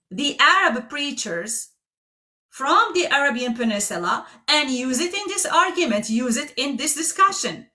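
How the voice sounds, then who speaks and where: A woman's voice: high-pitched, bright, forceful tone. A woman from Algeria, hosting a heated live debate in a pointed, insistent manner that cuts in often. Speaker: debate stream host.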